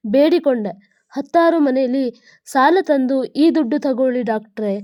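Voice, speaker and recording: A woman's voice: high-pitched, mellow, no echo, clean studio sound. A woman voicing a dying old mother who pleads tenderly with her son in a letter.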